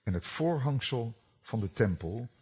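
Husky middle-aged guy preaching, goes from big loud bits to real quiet low ones. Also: animated, a little slow. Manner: dramatic swings from loud cries to hushed low tones. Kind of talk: sermon with personal story.

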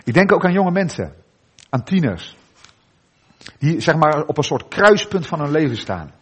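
Husky, lively Dutch-speaking preacher man. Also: on the high side. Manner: earnest preaching with dramatic pauses and softened endings. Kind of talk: sermon. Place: church.

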